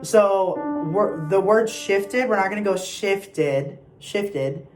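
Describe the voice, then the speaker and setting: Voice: mid-range voice, measured pace, music in the background. A young adult choir teacher giving patient rehearsal instructions and singing short example phrases. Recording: echoey room.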